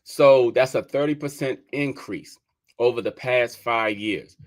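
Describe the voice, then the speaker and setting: A mid-range, measured male voice belongs to a DC guy who hosts a podcast and sells real estate. Chatty and casual with his listeners, he leans on "y'all" and restates his figures for emphasis, sneezing again and again.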